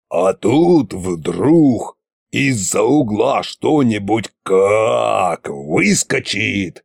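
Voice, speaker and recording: A man's voice: medium pitch, gravelly, darkish tone, slightly rough, dry recording, studio quality, heavily acted. Koschei, a man playing a grumbling scheming tsar. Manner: grumbling, folksy, self-satisfied. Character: boastful scheming old tsar-sorcerer Koschei.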